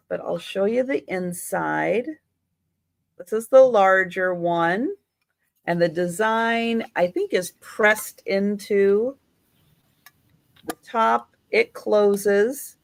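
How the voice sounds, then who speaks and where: Woman doing a live online sale, really slow talker, chatty and measured, medium pitch. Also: creaky. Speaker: live auction seller. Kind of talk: live sale patter, describing items.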